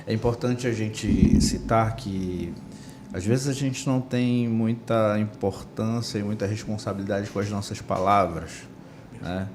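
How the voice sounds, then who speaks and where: A man with a Brazilian Portuguese accent hosting a church podcast, drawing slow, reflective lessons from his guest's story. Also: on the low side, steady tone, background noise. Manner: brief affirming interjections, slow reflective comments. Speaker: podcast host.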